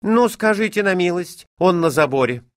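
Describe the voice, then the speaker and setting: A man voicing a fussy, scolding middle-aged lady at her summer house, with a shrill, exclaiming manner. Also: wildly swooping pitch, measured pace, no echo, clean studio sound.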